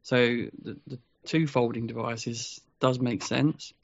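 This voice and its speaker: Measured man in a podcast chat. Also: mid-range voice, steady tone, gravelly. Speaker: podcast co-host. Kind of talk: casual chat. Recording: dry, slightly muffled.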